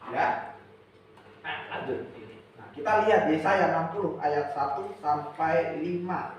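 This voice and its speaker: A man in his thirties preaching a youth church sermon, emphatic, swinging between loud and soft, with casual slang mixed in. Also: a little high, measured pace, slight background noise. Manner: casual, mixes in everyday slang and English words. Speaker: youth pastor. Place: church hall. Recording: echoey hall, distant dull mic.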